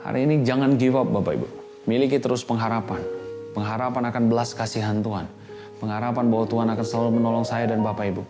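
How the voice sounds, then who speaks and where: An Indonesian pastor preaching with fervor at a middle pitch. He drops English words into his sermon. Quiet instrumental music plays behind him in the church. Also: fairly even intonation, fast talker. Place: church hall.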